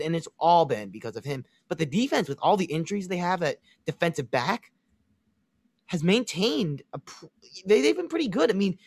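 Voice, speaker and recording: High-voiced Chicago man breaking down football. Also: no room sound. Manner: confident, analytical, fast predictions. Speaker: podcast co-host. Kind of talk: casual sports chat.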